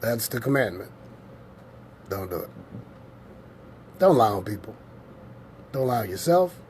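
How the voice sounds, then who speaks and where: A man's voice: lowish voice, sing-song, measured pace, a little mellow, a little hiss or hum. Rambling man teaching scripture casually. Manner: rambling, emphatic, repeats himself. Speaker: host of a scripture teaching show.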